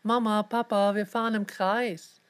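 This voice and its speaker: A woman's voice: on the low side, unhurried, natural voice. A woman voicing a tall, clever schoolboy who is insistent and a little cheeky, in a storybook reading. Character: clever tall schoolboy Leon, confident know-it-all.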